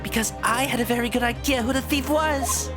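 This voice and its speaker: A woman's voice: on the high side, fairly quick, close to an everyday voice. A woman voicing an anxious, guilt-ridden young female student in a video game, hesitant and pleading, over game music. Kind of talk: dramatic reading of video game dialogue.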